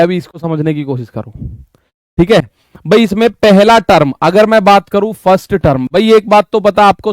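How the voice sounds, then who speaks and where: A man's voice: high voice, a little mellow, smooth, no echo. A man teaching a live maths class, working through sums step by step and calling on students by name.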